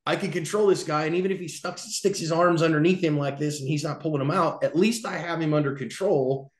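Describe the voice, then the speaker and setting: A middle-aged man giving casual, animated commentary on a video, acting out quotes and laughing along. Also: fairly high pitch, a little fast. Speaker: self-defense video commentator. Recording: roomy echo.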